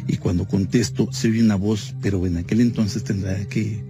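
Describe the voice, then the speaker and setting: A man's voice: fairly low pitch, fairly even intonation, normal speed, music in the background. A man telling a spooky story in a casual, hesitant way, full of fillers. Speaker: guest telling a ghost story.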